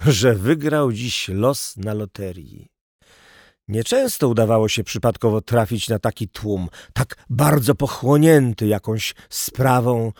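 A male narrator reading a story in a measured, unhurried way. His delivery is slow, with a lively, varied melody. The sound is dry and close, with no room around it. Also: medium pitch, dry recording. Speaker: audiobook narrator. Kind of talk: scripted narration.

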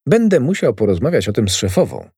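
A man voicing a wary, smooth-talking schemer. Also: medium pitch, sing-song, fast, warm tone, dry recording, clean studio sound, heavily acted. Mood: brooding. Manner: smooth, ingratiating. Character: wary, scheming grown man, a calm liar.

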